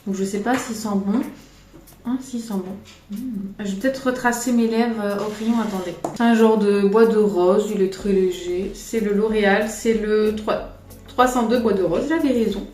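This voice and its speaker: This French makeup vlogger rambles chattily through an easygoing tutorial on a tripod camera, full of self-deprecating asides. Her mid-range voice is steady and darkish at a normal speed. The recording carries a little hiss or hum, a roomy sound, and faint background music.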